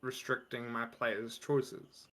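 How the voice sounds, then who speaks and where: A man's voice: mid-range voice, flat delivery, takes it slowly, fairly bright tone. A man running a tabletop game as dungeon master, narrating and chatting casually.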